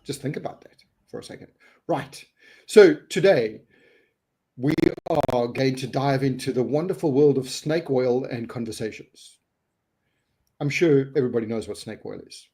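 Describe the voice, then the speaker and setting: A man's voice: mid-range voice, normal speed, dark tone. Laid-back jokey male host. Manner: jokey, laughing, repeats words when flustered. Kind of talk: casual live webinar chat.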